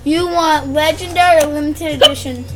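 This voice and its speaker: A woman's voice: high voice, fairly even intonation, moderate pace, music in the background. A woman joining a casual toy unboxing, teasing and giggly. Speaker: co-host.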